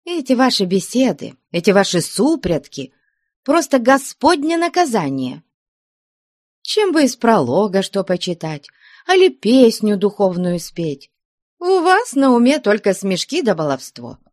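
A woman voicing a good-natured older nun who scolds the convent girls in a high, indignant voice. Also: sing-song, a little slow, darkish tone, dry recording, clean studio sound. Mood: grumbling. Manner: scolding, shrill, scandalized.

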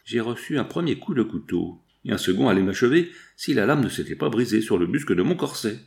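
A man's voice: medium pitch, big pitch swings, brisk, creaky, darkish tone. A man reading the part of a pale, weakened young seamstress in a storybook, speaking plainly and respectfully. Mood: weary.

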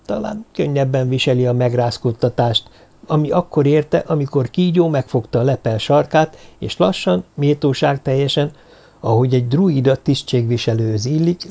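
A man reading a novel aloud as an audiobook narrator, in measured, even storytelling. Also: medium pitch, vocal fry. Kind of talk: scripted narration.

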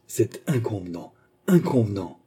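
A man's voice: lowish voice, very animated, a little slow, dark tone, breathy edge, exaggerated voice. A man reading an audiobook, voicing a haughty, angry young queen with an indignant, commanding manner.

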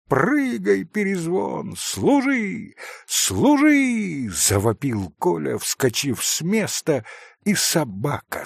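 A man narrating a classic novel as an audiobook, measured and expressive. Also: fairly high pitch, vocal fry, slightly rough, no echo, studio quality.

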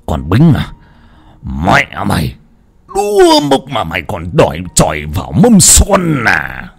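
Man acting a furious old patriarch, shouting, threatening, raised and strained, audio story. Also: lowish voice, wildly swooping pitch, slow pace, creaky, slightly rough, soft background music, exaggerated voice. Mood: raging threats. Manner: shouting, threatening, stammering with rage.

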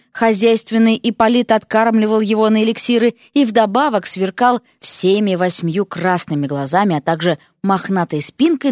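A woman narrating a comic fantasy story with lively, expressive reading. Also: on the high side, no echo, clean studio sound. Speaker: audiobook narrator.

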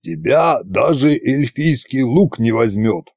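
A man voicing a bossy, scheming old male tsar in an audiobook, slow and commanding in a folksy way. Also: medium pitch, big pitch swings, a little mellow, breathy edge, dry recording, clean studio sound, pitched above the performer's own voice, exaggerated voice. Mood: scolding. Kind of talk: audiobook character reading.

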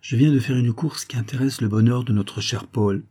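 A man's voice: mid-range voice, normal speed, mellow, husky, close to an everyday voice. A man reading the part of a scheming, aging viscount in a suave, coaxing manner. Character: scheming aging male viscount, smooth and cunning.

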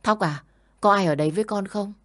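A woman's voice: medium pitch, a little fast, pitched above the performer's own voice, natural voice. A woman voicing a naive, polite young woman in her twenties who talks in a pleading way. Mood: desperate.

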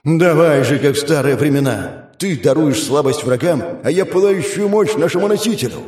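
A man's voice: a little high, lively intonation, moderate pace, a little mellow, pitched above the performer's own voice. A man voicing a bloodthirsty, scornful male demon spirit trapped in a weapon, with a growling, commanding way of talking and an echoing demonic effect on the voice. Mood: eager. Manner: growling, commanding, pleading for release. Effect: demonic voice with echoing reverb. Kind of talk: audiobook reading. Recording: echoey reverb effect.

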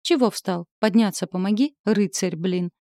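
A woman reading the part of a quick-tempered young half-demon woman, talking in a heated, snappish way. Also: medium pitch, mellow, dry recording, studio quality, natural voice. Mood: angry.

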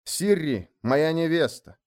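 A man puts on a calm, stubborn shaman in a storybook tale, pitched higher than the narration and humble in tone. He chants with a clear, ringing voice and keeps a steady resolve. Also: slow.

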